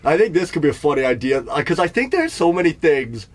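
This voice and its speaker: A man's voice: a little high, very animated, fast talker. A middle-aged man from Canada telling stories in a rambling, self-mocking comedy podcast monologue. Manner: rambling, self-mocking, laughs at his own bits. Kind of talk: casual storytelling monologue. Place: in Jasper, staying in an RV.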